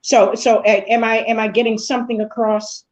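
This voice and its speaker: A woman's voice: a little high, little pitch movement, fairly quick, a little mellow, lo-fi sound. An older woman and panel guest on a live talk show, who speaks in folksy stories and parables. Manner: folksy, teaching through parables.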